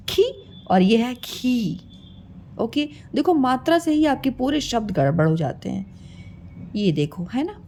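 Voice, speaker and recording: A fairly high-pitched woman with a dark tone teaches spelling to kids, breaking words into slow, stretched-out syllables. Her manner is coaxing, and she refers to the audience as children.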